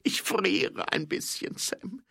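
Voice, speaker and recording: A man voicing a gentle, brave noblewoman who speaks softly in a raised voice. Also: sits high, very animated, slow pace, gravelly, breathy edge, no room sound, studio quality, pitched above the performer's own voice, exaggerated voice. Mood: wry. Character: noble lady, warm, brave, shaken.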